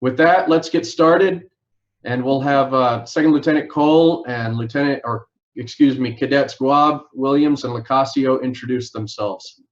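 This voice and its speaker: A man working as a recruiting officer, hosting a live information session in a formal, orderly way with frequent filler pauses. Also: medium pitch, highs cut off. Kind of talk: formal livestream presentation.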